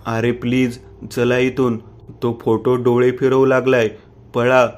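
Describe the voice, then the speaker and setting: A man's voice: mid-range voice, monotone, unhurried, darkish tone, close to an everyday voice. A man voicing a young man in a horror story who urges his friends along and then panics, read plainly. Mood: urging.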